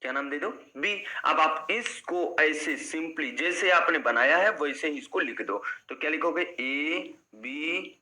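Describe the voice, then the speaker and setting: A male teacher explains a lesson to students. His voice sits a little high and sounds very bright and sharp. He goes through each step patiently, repeats himself, and keeps asking the class questions. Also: lively intonation, a little slow, few pauses, low-quality recording. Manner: addresses students as 'beta' and 'bhaiya'. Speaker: English teacher.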